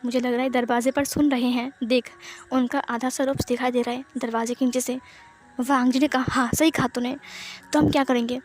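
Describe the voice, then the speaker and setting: A woman's voice: high-pitched, level tone, brisk, faint music behind. A woman casually narrating a fan fiction story, voicing every character herself with fillers and restarts.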